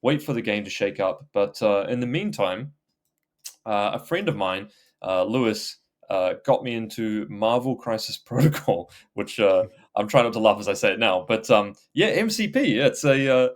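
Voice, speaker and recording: A man with a fairly low voice chats loosely on a gaming podcast. He rambles, restarts his sentences and laughs easily as he talks. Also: lively intonation, normal speed. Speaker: podcast co-host. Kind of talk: casual gaming chat.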